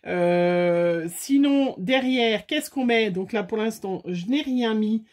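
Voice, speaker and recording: A woman's voice: medium pitch, takes it slowly, a little mellow. A woman hosting a casual crafting tutorial, chatty and full of fillers, talking straight to her viewers. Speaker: craft video host.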